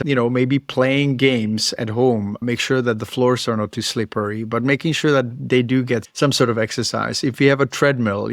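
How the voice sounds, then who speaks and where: This casual educational talk to camera comes from a middle-aged male veterinarian with a Czech accent who explains thoughtfully and chuckles occasionally. His creaky mid-range voice is captured in clean studio sound with no room sound.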